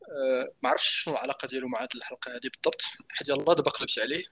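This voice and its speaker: A man's voice: medium pitch, fairly even intonation, racing, bright, forceful tone. A man with a Moroccan accent co-hosting a casual chat, rambling and often restarting his sentences. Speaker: podcast co-host. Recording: faint background noise.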